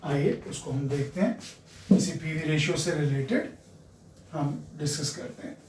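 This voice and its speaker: A man's voice: a little high, normal speed, darkish tone, slight background noise. A man with an Indian accent teaching accounting, mixing Hindi and English, explaining step by step and checking in with his students. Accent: Indian English mixed with Hindi. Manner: explains step by step, often checks in with "right" and "friends". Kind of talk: classroom lecture at a board. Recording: roomy, distant mic.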